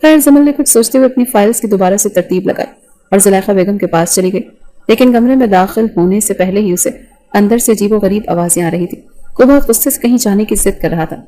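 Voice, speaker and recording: A woman narrating a romance novel with an even, storytelling delivery. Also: mid-range voice, poor audio.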